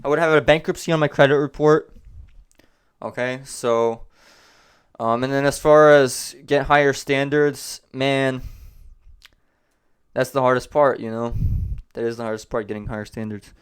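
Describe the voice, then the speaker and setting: A man's voice: mid-range voice, fairly even intonation, normal speed, clean tone. Rambling man hosting a vlog. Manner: rambling, repeats himself. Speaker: host of a business channel. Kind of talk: casual vlog talk to camera.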